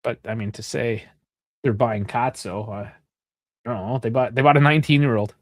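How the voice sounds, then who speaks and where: A Canadian man in his thirties speaks at a moderate pace in a medium-pitched voice, recorded dry with studio quality. Co-hosting a soccer watchalong, he keeps the chat loose and rambling, full of laughs and swearing.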